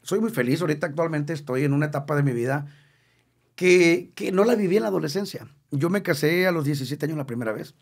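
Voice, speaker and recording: A Mexican man in his fifties with a husky, slightly raised voice. He talks openly and with feeling as an interview guest. He jokes easily and leans on repeated words to drive a point home. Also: on the high side, lively intonation, fast talker. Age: 50s. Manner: emotional, candid, jokey, repeats words for emphasis. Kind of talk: candid casual interview.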